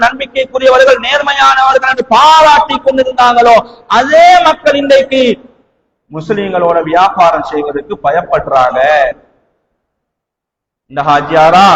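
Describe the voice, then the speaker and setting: A high-voiced male preacher with a Sri Lankan Tamil accent delivers an impassioned mosque sermon in Tamil, weaving in Arabic quotations. He is emphatic and rhetorical, posing rhetorical questions, repeating points for emphasis, and swinging between hushed and raised delivery. The large, echoing mosque hall gives the recording a long reverb, and background noise is noticeable.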